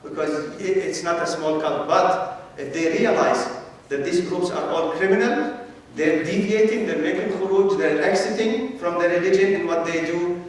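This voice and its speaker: A man from Palestine giving an earnest religious lecture as a guest scholar, explaining step by step with frequent pauses. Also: high voice. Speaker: Islamic scholar, guest speaker. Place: large mosque hall. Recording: very echoey hall, voice from a distance.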